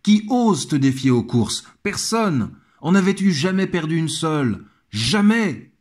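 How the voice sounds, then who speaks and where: A man reading as a flattering Roman courtier poet. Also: fairly high pitch, measured pace, voice pushed up. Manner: flowery, flattering, theatrical.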